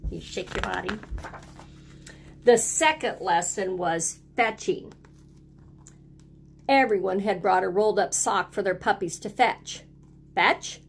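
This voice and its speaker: Reading a children's picture book aloud like a teacher, a woman with a creaky, medium-pitched voice speaks in simple, deliberate phrases and prompts her young audience to join in and repeat words. Slight background noise is present.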